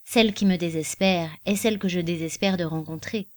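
A woman reading an audiobook, voicing a weary, melancholy young prince who speaks with quiet, bitter irony. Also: lowish voice, brisk, no echo, lightly acted.

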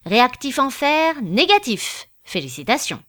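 A pompous old judge who bellows his rulings as if to a crowded courtroom, fussy and officious, as a woman reading the story acts him out. A storybook figure with loud, raised declarations. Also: sits high, very animated, measured pace, voice pushed up, full character voice. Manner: shouting, pompous.

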